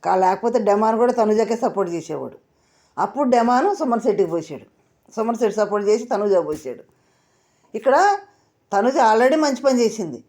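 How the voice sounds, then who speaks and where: A woman recapping a reality show episode in casual talk, quoting the contestants in a lowered voice. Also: animated, fairly quick, dark tone. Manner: retells quotes with lower voice.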